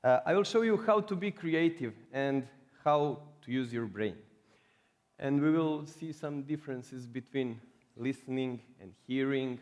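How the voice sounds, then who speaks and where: A man's voice: medium pitch, unhurried, a little mellow. A man from Serbia with a Serbian accent, giving a playful, joking conference talk to a live audience. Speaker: conference speaker. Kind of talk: humorous presentation. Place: conference hall. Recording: reverberant hall.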